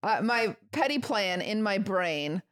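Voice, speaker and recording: A woman's voice: mid-range voice, lively intonation, slow, fairly bright tone. A young adult woman chatting casually and telling stories in a gossipy way, acting out the dialogue as she goes. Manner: gossipy, acts out quoted dialogue. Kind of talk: casual chat, animated storytelling.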